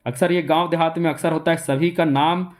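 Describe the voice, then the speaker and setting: Male coaching-class teacher with a Jharkhand accent and a slightly raised pitch. Explanatory, repetitive delivery. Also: fairly even intonation, fairly quick. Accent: Jharkhand Hindi. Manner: repetitive, asks rhetorical questions, then answers them. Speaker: Hindi exam coaching teacher.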